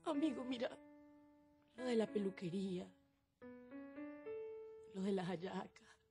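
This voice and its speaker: A woman's voice: mid-range voice, lively intonation, measured pace, over music. An actress playing a hurt, crying woman in a telenovela, vehement and distressed. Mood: tearful. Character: hurt woman vowing to change her life. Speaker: soap opera character. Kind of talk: telenovela acting.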